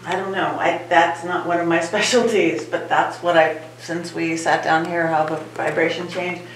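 A woman guiding a séance in casual, halting speech, trailing off in the middle of her thoughts. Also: fairly low pitch, fairly even intonation, a little hiss or hum. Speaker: séance leader, medium. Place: dark cluttered room indoors on a ship. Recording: humming, echoey, distant camera mic.

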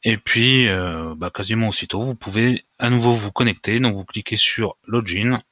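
Guy doing a screen tutorial, kinda halting, lots of ums, lowish bright voice, dry close mic. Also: no room sound. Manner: hesitant, many fillers and restarts, casual explanations. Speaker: WordPress tutorial maker. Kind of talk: screen-recorded software tutorial.

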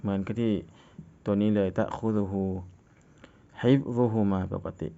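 A man with a low, smooth, resonant voice leads a recitation lesson. He speaks in a level, even tone, reciting each phrase and then breaking it down patiently. The audio is slightly dull and lo-fi. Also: moderate pace. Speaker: Quran reading teacher.

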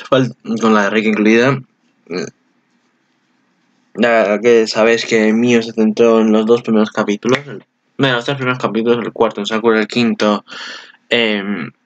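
A man's voice: medium pitch, dull audio, a little hiss or hum. A man, chatting casually as channel host in a rambling way, often correcting himself. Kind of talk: casual anime commentary.

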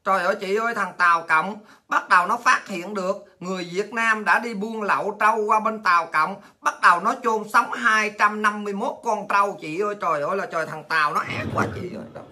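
A woman hosting a heated political monologue, coarse and insulting, with shouted taunts. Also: medium pitch, fairly quick. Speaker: political commentary host.

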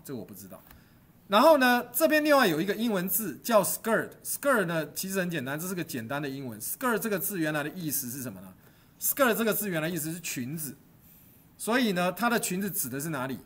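A middle-aged man lectures a classroom on stagecraft. His voice is slightly high and a little husky, and his pitch swings widely as he tosses questions and jokes at his students. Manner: animated, quizzes students and jokes; mixes English terms into his teaching. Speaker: university stagecraft teacher.

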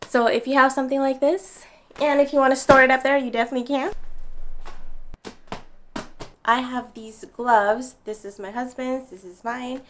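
A woman's voice: high voice, steady tone, a little fast, a little hiss or hum. A young woman doing a casual, upbeat product review in her living room, chatting straight to the viewers. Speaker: home fitness vlogger. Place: bright living room at home.

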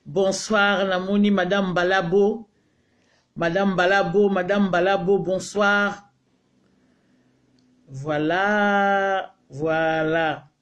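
A man's voice: high-pitched, fairly even intonation, very slow, long pauses, fairly bright tone, highs cut off. A Congolese man hosting a casual live stream, greeting viewers one by one in a heated, repetitive way. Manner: mixes French and Lingala, heated. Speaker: livestream host.

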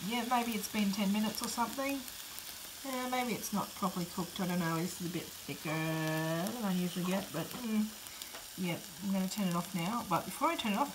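A woman talks in a middle-pitched voice, colloquial and playful. She narrates her cooking like casual chat with a friend. The home phone recording has clear noise of frying food behind her. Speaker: home cook reviewing gadgets. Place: indoors at home, by an electric grill. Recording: clearly noisy, food sizzling nearby. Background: sizzling, frying food.

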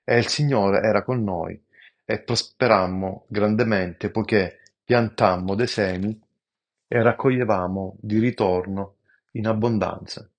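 A man reading scripture aloud in a slow, measured, reverent way, with the odd stumble over a word. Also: lowish voice, steady tone. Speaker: amateur scripture reader.

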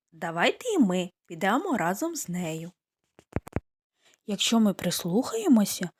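A woman preschool teacher giving a scripted literacy lesson, talking gently to small children and drawing out the vowel sounds. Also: medium pitch, a little hiss or hum.

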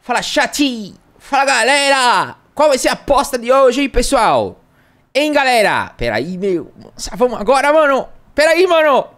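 A man with a Brazilian accent voicing an over-the-top, hyped-up young male streamer who shouts and half sings. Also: very high voice, very animated, moderate pace, voice pushed up, exaggerated voice. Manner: loud, over-the-top hype, half sung.

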